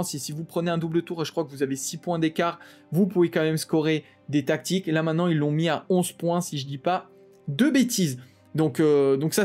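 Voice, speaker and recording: Man, game channel host, rapid casual rules rundown, lots of fillers, faint music behind. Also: fairly high pitch, a little mellow. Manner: talks fast, with many "euh" fillers and restarts.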